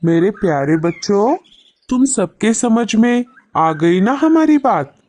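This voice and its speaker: Gentle cartoon mama bird, woman voicing her, soft and soothing, slow unhurried talk. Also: mid-range voice, sing-song, voice pushed up. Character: caring mother bird, gentle and protective. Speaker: mother.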